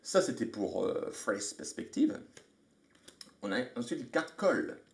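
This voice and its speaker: A man's voice: medium pitch, big pitch swings, unhurried, vocal fry. A man hosting a live stream, casually explaining board game rules while thinking aloud and greeting viewers. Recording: echoey room.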